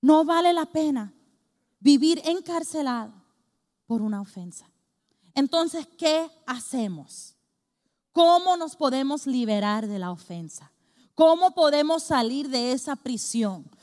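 A woman from the Dominican Republic preaching a lively sermon, acting out little scenes and asking the congregation questions. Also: high-pitched, unhurried. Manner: lively, acts out scenes and asks the crowd questions. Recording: long hall reverb.

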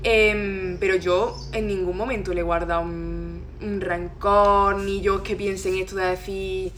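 A young woman, a podcast guest who tells her stories in a lively, expressive way. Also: medium pitch, a little hiss or hum. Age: young adult. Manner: fast, lively, expressive storyteller. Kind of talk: casual chat.

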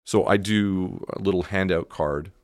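A man's voice: low voice, a little slow, no room sound, studio quality. A middle-aged man from Canada, a restaurant owner speaking as a guest in a casual podcast interview, earnest and emphatic, often repeating words as he thinks.

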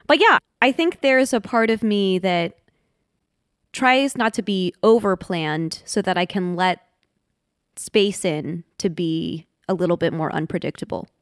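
Smooth-voiced woman, thoughtful and candid. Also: fairly low pitch, no room sound, clean studio sound. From Washington, D.C., United States. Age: 30s. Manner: thoughtful, candid, slows down on heavy points. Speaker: podcast guest. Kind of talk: reflective interview conversation.

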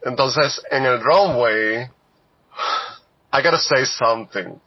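A husky man chats through a voicemail, dropping English phrases. The recording is dull and lo-fi, dry with no room around him. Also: medium pitch, takes it slowly, no room sound. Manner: chatty, mixes in English. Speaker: voicemail caller. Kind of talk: casual voice message.

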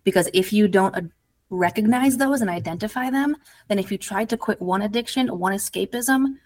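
A woman's voice: mid-range voice, a little fast, darkish tone. A woman guest on a podcast interview, an addiction recovery coach telling her story earnestly and casually, with lots of "like". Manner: earnest, storytelling, heavy use of "like".

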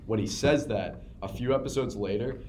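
A man's voice: fairly low pitch, normal speed, heavy background noise. A man co-hosting a casual sports podcast, chatting about a sitcom while his voice is gone and laughing often. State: lost his voice. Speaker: podcast co-host. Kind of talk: casual chat.

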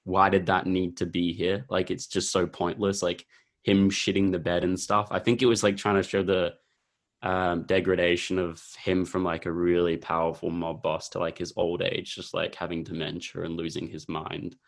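A young man with a deep, low-pitched voice. He talks in a loose, laid-back ramble, full of ums and likes, as he chats about films. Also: level tone, moderate pace, gravelly. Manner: rambling, laid-back, heavy use of filler words. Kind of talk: casual chat about films.

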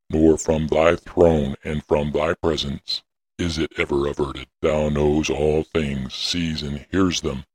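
A man's voice: dry recording, full character voice. A man playing a solemn ancient prophet in an audio drama, speaking in grave, archaic tones. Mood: prayerful. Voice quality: very deep husky voice. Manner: solemn, intoning, archaic prayerful delivery.

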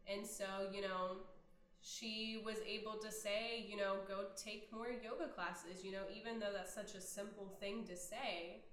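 A woman talking in a gentle, reflective way in a casual podcast chat, pausing often with "um". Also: mid-range voice, flat delivery. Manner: reflective, gentle, many "um" pauses. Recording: roomy echo.

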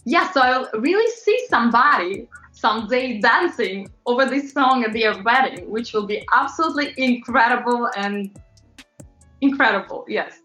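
A woman's voice: a little high, animated, normal speed, sharp tone, soft background music, low-quality recording. Chatty Latvian-accented woman singer. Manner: chatty, gushing, trails off with fillers. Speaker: singer-songwriter guest. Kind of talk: casual interview chat.

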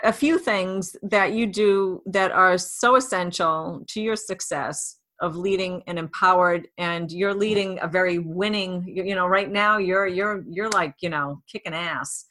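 A woman conducts a casual interview, feeling her way through her questions and repeating words as she goes. Her voice is bright and forward. Her pitch sits in a middle range. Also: measured pace. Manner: hesitant, repeats words while forming questions.

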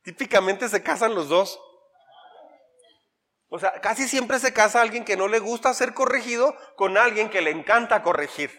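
A man's voice: high-pitched, lively intonation, normal speed, pushed and bright, long reverb tail. A man, a pastor giving a conversational sermon full of acted-out quotes and humor.

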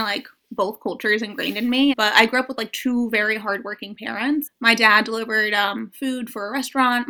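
A young woman coach, born in Morocco and raised in both the US and Morocco, chats casually and informally as a podcast guest, peppering her speech with "like." Her voice is on the high side, pushed and bright, with vocal fry.

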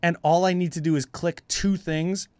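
A man's voice: on the high side, steady tone, moderate pace, a little mellow, dry recording. A man hosting a podcast, telling stories casually and colloquially, swearing and acting out conversations. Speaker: podcast host. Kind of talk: casual chat, animated storytelling.

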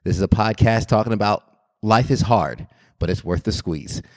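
A man's voice: on the low side, moderate pace, darkish tone, no room sound. A young man hosting a podcast, greeting his listeners and guest in an upbeat, friendly way. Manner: upbeat, friendly, laughs easily. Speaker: podcast host. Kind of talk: casual podcast chat.

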